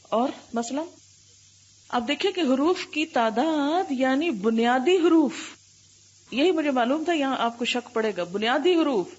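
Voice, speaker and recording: A woman Islamic scholar giving an Arabic grammar lesson, quizzing her students often and drawing out letters and examples slowly. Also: high-pitched, expressive, dull audio. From Pakistan. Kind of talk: classroom lecture with questions to students.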